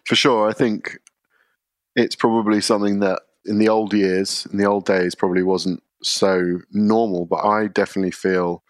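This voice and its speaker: A man, a podcast guest explaining his workplace practices in a measured way, often using fillers. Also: lowish voice, little pitch movement, no echo, studio quality. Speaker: guest, contact centre leader. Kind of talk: podcast interview answers.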